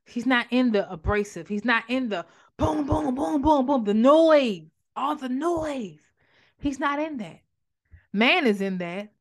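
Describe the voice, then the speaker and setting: A woman hosting a podcast, giving a faith-based motivational talk, speaking fast and animated, often repeating and restarting phrases. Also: a little high. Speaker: podcast host and author.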